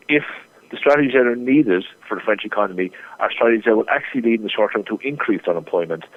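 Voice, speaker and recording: Fast-talking man over a tinny phone line. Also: lowish voice. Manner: fast, with many restarts and repeated words. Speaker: market strategist guest. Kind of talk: interview answers.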